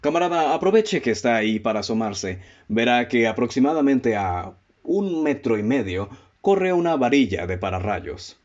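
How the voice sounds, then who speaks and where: A male detective in a radio drama, played by an actor, stays calm and methodical, explaining his deductions in a measured, lecturing way and raising pointed questions. His mid-range voice is lightly acted on lo-fi sound, and the mood is explanatory.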